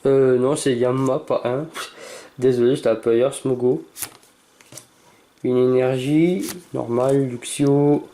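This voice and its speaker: A man's mellow, soft-edged voice runs through a casual card-opening commentary, naming each card in a low mutter. He stammers now and then and bursts into sharp exclamations, yet holds himself back from shouting. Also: slow, long pauses. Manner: reads card names aloud, stammers, bursts into excited exclamations. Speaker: YouTuber opening trading cards.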